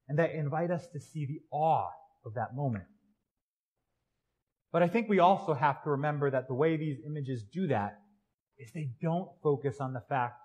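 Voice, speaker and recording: A male priest delivers a sermon in a church. His voice sits on the higher side, and he talks in an easy, conversational way, often tagging lines with "right?". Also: darkish tone, low-quality recording.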